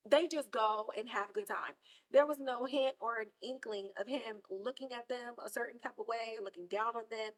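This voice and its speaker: A woman hosting a podcast, retelling a TV episode in casual chat and acting out the characters in big, excited bursts. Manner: animated storytelling, acts out characters with big high-pitched bursts. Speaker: podcast host.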